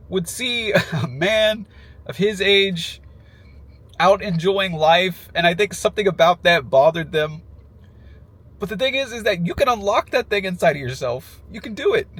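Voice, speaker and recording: A man speaking casually and emotionally in a heartfelt personal tribute, halting as he goes, sad in his farewell. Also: high voice, fairly bright tone. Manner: emotional, halting, with nervous little laughs breaking into phrases.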